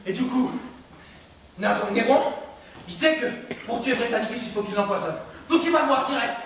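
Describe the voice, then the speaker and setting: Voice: mid-range voice, expressive, normal speed, fairly bright tone. A speaker retelling a classic tragedy as a rambling comic story in casual slang, full of filler tags. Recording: echoey room, far from mic, faint noise.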